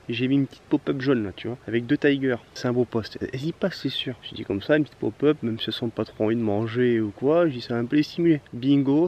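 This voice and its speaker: A man's voice: medium pitch, darkish tone, muffled recording, slight background noise. A man talking to camera while fishing outdoors by a rocky reservoir, in a chatty, exclaiming and self-mocking way. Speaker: fishing vlogger. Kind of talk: casual outdoor vlog to camera.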